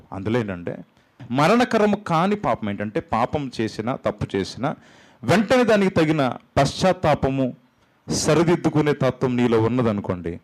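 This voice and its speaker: A man preaching a sermon, animated, acting out quotes with big jumps and drops in pitch, slipping English phrases in. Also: poor audio. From India. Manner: mixes English phrases into his talk. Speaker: pastor.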